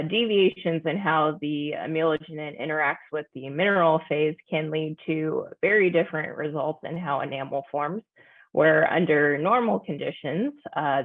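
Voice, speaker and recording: A woman scientist giving a careful, measured technical presentation over a video call. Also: deep voice. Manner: careful, measured, with frequent pauses. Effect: heard over a video call. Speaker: scientist presenting a conference talk. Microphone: computer mic on a video call. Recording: tinny video-call audio.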